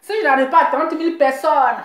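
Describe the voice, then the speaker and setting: A woman's voice: high-pitched, steady tone, brisk, echoey room. A woman hosting a live show, teasing and mocking in a sing-song voice, repeating her phrases.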